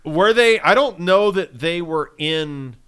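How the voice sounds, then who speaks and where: A man co-hosting a sports podcast, talking in an animated, teasing, wry way. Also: fairly high pitch, takes it slowly, smooth. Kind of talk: casual sports chat.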